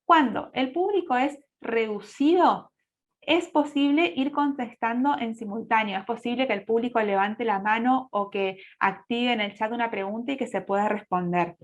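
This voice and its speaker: A woman's voice: fairly high pitch, moderate pace. A woman teaching public speaking in a webinar, setting out her points in order over a video call. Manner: orderly, lists points in sequence. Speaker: speech coach. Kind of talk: webinar lecture. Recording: dull lo-fi audio.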